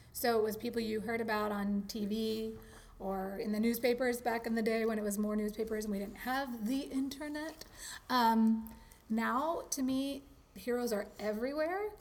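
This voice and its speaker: A woman talking casually in an interview, chatty and animated, with lots of likes and ums. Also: a little high. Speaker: interviewee, teacher.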